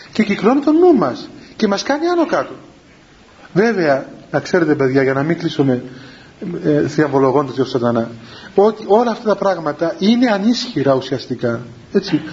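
A man's voice: sits high, darkish tone. A man, a monk, gives a spiritual talk full of anecdotes, repeating his phrases and calling his listeners children. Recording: dull lo-fi with faint background hiss.

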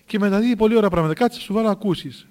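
Kindly elder monk over 60, teasing and unhurried, as a storyteller puts him on. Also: male voice, sits high, darkish tone, long reverb tail, close to an everyday voice. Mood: cheerful. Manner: soothing, playful.

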